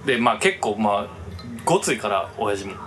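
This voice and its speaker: A man's voice: on the low side, brisk, over a noisy crowd. A man with a Kansai accent telling a story in casual podcast chat, full of fillers. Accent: Kansai Japanese. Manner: rambling, many fillers, lively telling. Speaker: podcast co-host.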